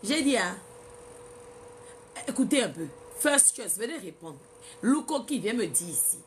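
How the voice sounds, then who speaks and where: Speaking unhurriedly in a fairly high voice, a woman shares a lively testimony with a church women's gathering. She acts out quoted exchanges and questions the audience directly, and a little hiss or hum runs under the recording.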